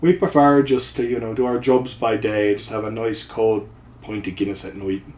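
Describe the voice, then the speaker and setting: A man's voice: steady tone, normal speed, natural voice. A man putting on a jovial stage Irishman. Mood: teasing. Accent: exaggerated Irish. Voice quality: sing-song, higher and louder than his own voice. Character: teasing, jovial stage Irishman who loves his pint. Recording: echoey room.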